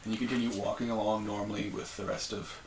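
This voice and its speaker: A man's voice: fairly low pitch, flat delivery, fast, creaky, background noise. A man narrating as game master in a loose, rambling way with many fillers.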